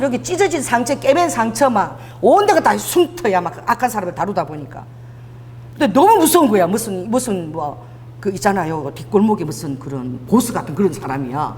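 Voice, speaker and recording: Animated woman pastor preaching. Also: fairly high pitch, big-room sound, slight background noise. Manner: animated storytelling with laughter. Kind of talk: sermon.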